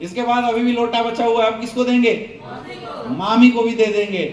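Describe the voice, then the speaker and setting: A man's voice: very high-pitched, flat delivery, moderate pace. A man leading a seminar training talk, firing call-and-response questions at the audience in a joking way. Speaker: network marketing trainer. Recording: roomy echo, voice from a distance, faint hum.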